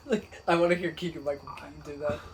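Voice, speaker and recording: A man's voice: on the high side, steady tone, fast talker, a little hiss or hum, poor audio. A man co-hosting a podcast in casual chat, laid-back and dry, often agreeing. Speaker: podcast co-host.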